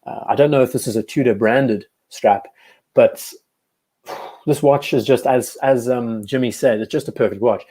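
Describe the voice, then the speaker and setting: In a warm, mid-range voice at a moderate pace, a host in his twenties runs a casual livestream. He's chatty, reads the live chat out loud, responds to what viewers write, and corrects himself now and then.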